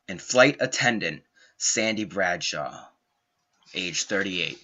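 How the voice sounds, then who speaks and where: Earnest young man narrating, husky and bright. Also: fairly low pitch. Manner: earnest, dramatic, slow emphatic phrasing. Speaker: documentary narrator. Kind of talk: scripted narration. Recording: dull lo-fi home mic.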